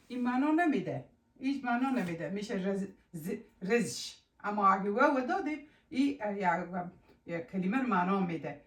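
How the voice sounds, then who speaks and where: A woman with an Afghan Dari accent teaching a language lesson, patiently asking questions, answering them herself and repeating words slowly. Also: mid-range voice. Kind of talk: spoken lesson. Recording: roomy echo.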